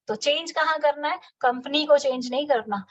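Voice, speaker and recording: A woman giving a fast, energetic motivational sales training talk, repeating her key words. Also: high voice. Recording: slightly dull lo-fi audio.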